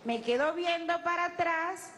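A woman's voice: very high voice, unhurried, slight background noise. A woman, a studio guest eagerly recounting an event with vivid sound effects. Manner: excited, vivid storyteller using sound effects.

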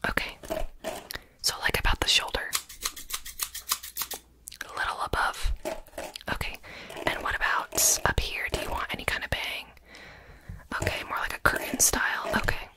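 Casting: woman for whispered role-play as a reassuring hairdresser, soft ASMR whisper, short repeated phrases. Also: a little slow, pauses often. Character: attentive, reassuring hairdresser tending a client. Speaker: ASMR performer playing a hairdresser.

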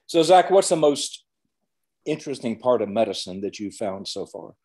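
An older male physician with hiccups, interviewing gently and haltingly over a video call from a cabin. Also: medium pitch, sing-song, breathy edge. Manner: gentle, halting, many restarts.

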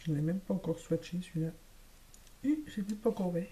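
A woman vlogger talks casually through a makeup haul, her voice dark and mellow. Some words drop to a half-whisper. Faint noise hangs behind her. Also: fairly low pitch, fairly quick. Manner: chatty, describing eyeshadow shades, some words half-whispered. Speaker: beauty vlogger. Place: home room with lights.

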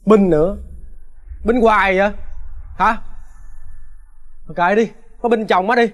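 A man's voice: sits high, fairly even intonation. A young man playing a resentful, hot-headed son with a Southern Vietnamese accent, speaking curtly and defiantly in a TV reenactment drama. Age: young adult. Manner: curt, defiant, rapid.

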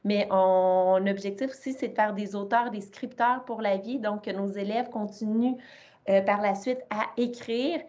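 A woman in her thirties speaks earnestly on an online panel, pausing often on fillers. She talks through earphones with a built-in mic, and the sound is a little dull. Her pitch is in a middle range. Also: steady tone, a little mellow. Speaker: professor. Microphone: earphone headset mic on a video call.

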